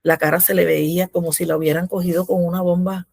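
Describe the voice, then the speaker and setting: A woman's voice: on the low side, level tone, fast talker, vocal fry, a little mellow, breathy edge, no echo. A woman giving a religious testimony in a devotional, telling her story with fervor and acting out the prayers she quotes. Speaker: devotional speaker.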